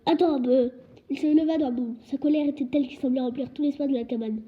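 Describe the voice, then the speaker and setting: A woman reading a storybook aloud, steady, with occasional slips. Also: high-pitched, fast talker. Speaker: audiobook reader. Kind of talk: storybook narration. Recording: dull lo-fi recording.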